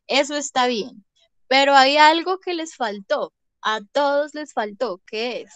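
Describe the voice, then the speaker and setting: A woman teacher leads an online class over a video call with a fairly high voice. Her sound is dry and close, with no room around it. She explains patiently and keeps checking that the class follows. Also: unhurried, a bit bright, dry recording. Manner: patient, checks understanding with frequent questions. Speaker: English teacher.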